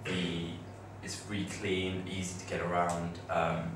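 A young adult man on a study-abroad panel talks loosely to fellow students in a classroom with a projector screen, full of fillers and restarts. His deep voice is completely flat and measured in pace. A far camera mic captures echoey, distant, noisy sound.

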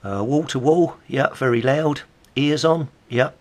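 Here a CB radio hobbyist and vlogger, a middle-aged man with an English accent, flips through old magazines and reads snippets aloud. His mid-range voice moves at an unhurried pace, and his casual commentary is sprinkled with wry, amused asides.

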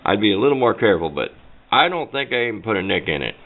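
Demonstrating at a workbench, this plain-spoken, folksy radio hobbyist talks at a quick pace in a fairly low voice with big swings in pitch. The casual tutorial is recorded on a camera mic, sounding muffled and phone-like with noise behind him.

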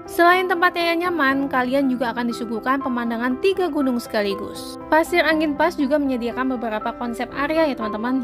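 Upbeat high-voiced woman narrating. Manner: upbeat, chatty, keeps addressing viewers as friends. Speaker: travel vlogger. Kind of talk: scripted voice-over narration. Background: background music.

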